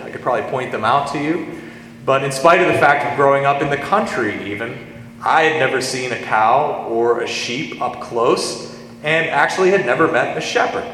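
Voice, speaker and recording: A man, preaching a sermon in a folksy storytelling way and slowing down on scripture quotes. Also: mid-range voice, a bit bright. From western Pennsylvania, US. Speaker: pastor. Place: large reverberant church. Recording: echoey church hall, faint hum.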